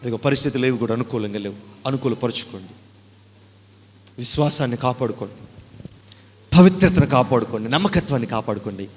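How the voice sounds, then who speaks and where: A man's voice: medium pitch, animated, a little fast, long pauses, a little hiss or hum. Impassioned male pastor preaching in a hall. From India. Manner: impassioned preaching in volleys of rhetorical questions, swelling to shouting. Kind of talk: sermon.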